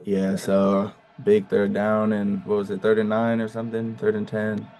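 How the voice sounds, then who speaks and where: Talking through his plays in a casual interview, this young Bay Area, California man, a college football player, speaks haltingly with frequent ums, restarts and returns to earlier points. His very low voice barely shifts in pitch and sounds dark, mellow and gravelly.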